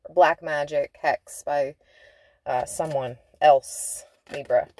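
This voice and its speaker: A woman's voice: low voice, fairly even intonation, slow pace, a little mellow. A woman giving a casual tarot reading from inside a car, chatty and laughing, stretching out words for emphasis. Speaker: tarot reader.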